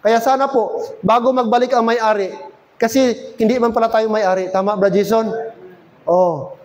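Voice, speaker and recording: High-voiced Filipino preacher. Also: male voice, rough recording. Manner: preaching in a mix of English and Filipino, asking the congregation "Amen?"; slows down to stress key points, calls out loudly at times. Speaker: pastor. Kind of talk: sermon. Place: church service.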